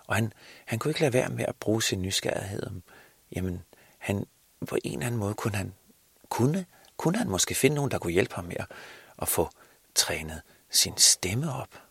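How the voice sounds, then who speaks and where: Man telling a christmas tale, very low, gravelly, hesitant, slips into whispers. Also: animated, fairly bright tone, no room sound. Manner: hesitant, many restarts, drops into whispers. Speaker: storyteller. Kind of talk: improvised Christmas story narration.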